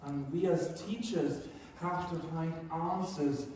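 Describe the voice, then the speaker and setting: Leading a conference workshop, a teacher from Germany keeps the mood light by poking fun at himself. He speaks slowly in a slightly high, darkish voice, captured by a distant mic in an echoey room with faint noise.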